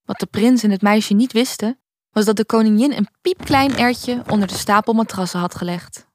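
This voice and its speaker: A woman calmly and gently reading a children's bedtime story aloud. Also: mid-range voice, normal speed, a little hiss or hum.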